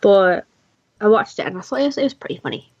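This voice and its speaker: A woman co-hosting a podcast, chatting in a relaxed and candid way. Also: medium pitch, fast talker, dry recording. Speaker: podcast co-host. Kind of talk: casual chat. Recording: dull lo-fi podcast mic.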